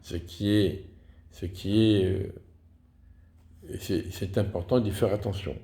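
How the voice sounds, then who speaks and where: A man giving a slow, deliberate lesson on reading liturgical texts, pausing to sound out example words. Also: low-pitched, fairly even intonation, mellow, reverberant. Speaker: teacher of Hebrew liturgical reading.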